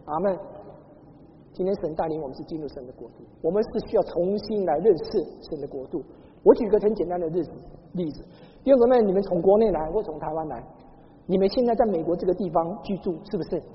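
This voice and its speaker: A woman's voice: on the low side, quick pace. A woman pastor from Taiwan preaching a sermon, telling stories and calling for answers from the congregation. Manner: lively storytelling with call-and-response to the congregation. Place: church hall. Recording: dull sound in a large echoing hall.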